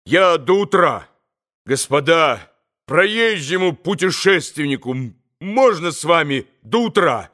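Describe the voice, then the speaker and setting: A man voicing a wild, exalted young man who shouts and stammers through breathless exclamations in a classic audiobook. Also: a little high, sing-song, slow pace, heavily acted. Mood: frantic.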